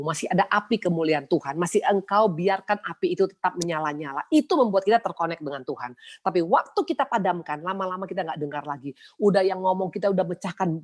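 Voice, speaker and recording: A middle-aged woman pastor with an Indonesian accent, preaching a sermon in colloquial, emotional storytelling. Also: fairly low pitch.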